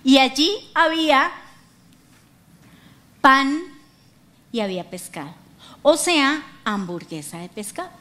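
Middle-aged lady preacher, high voice, super animated, acts out the voices. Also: slow, long pauses. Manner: animated, acts out quoted voices, asks audience to repeat. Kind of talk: lively sermon with audience questions.

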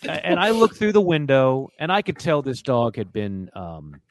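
A man co-hosting a sports radio show, telling a long personal story in a casual, animated way. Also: mid-range voice, moderate pace, crowd noise. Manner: animated storyteller who acts out quoted voices.

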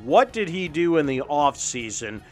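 A man's voice: on the high side, sing-song, normal speed, soft background music. A man hosting a sports show, talking and reading ads energetically in punchy, emphatic short phrases. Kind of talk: energetic sports talk and ad read.

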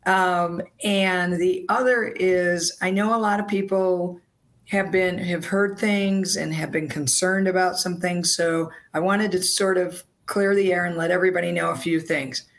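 A woman sports reporter, hoarse with laryngitis, talking casually and earnestly on a podcast in a halting way. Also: on the low side, steady tone.

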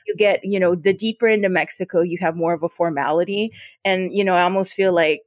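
An American woman from Yuma, Arizona, who leads a port authority, chats informally as an interview guest, sharing personal anecdotes and often quoting dialogue. Her fairly low voice is quick with fairly even intonation, in a dry, studio-quality recording.

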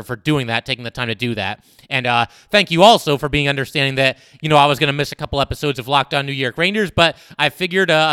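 Man, sports podcast host, bright crisp voice, dry close sound, animated play breakdown. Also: fairly high pitch, dry recording. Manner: animated, emphatic, many fillers. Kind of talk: solo sports podcast analysis.

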